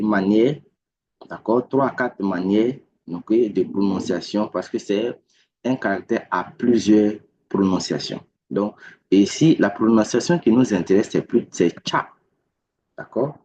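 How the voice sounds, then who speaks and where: Slow, patient male language teacher. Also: lowish voice, a little mellow, slight background noise. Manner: patient, repeats words and explanations. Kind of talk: recorded language lesson. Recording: dull lo-fi recording.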